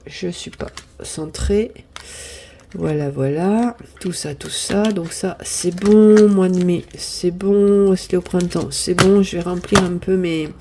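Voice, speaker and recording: In her fifties and sniffling from pollen, a budgeting vlogger chats casually at home while sorting and counting her savings, apologizing often and exclaiming when pleased. Her voice is mellow and on the low side, with slight background noise.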